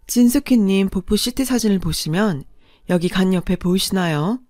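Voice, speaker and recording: A matter-of-fact hospital doctor lays out test results in a formal, even tone, as a woman narrator voices him. The sound is dry and close. It reads like a story told aloud. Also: medium pitch, moderate pace, no echo, natural voice.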